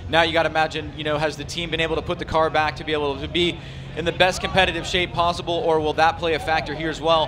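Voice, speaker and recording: A man's voice: on the high side, flat delivery, quick pace, background noise. A man giving live motorsport analysis as a color commentator, explaining replays in a conversational way.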